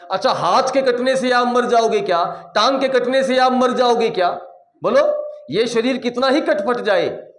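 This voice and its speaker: A man's voice: sits high, roomy sound. A male preacher giving a devotional discourse, exhorting the audience and putting questions to them. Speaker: spiritual preacher.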